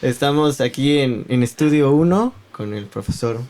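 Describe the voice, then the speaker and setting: A man co-hosting a podcast, asking questions in a relaxed way with frequent tag questions, recorded in a recording studio. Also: medium pitch, moderate pace. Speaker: podcast co-host. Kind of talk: casual interview chat.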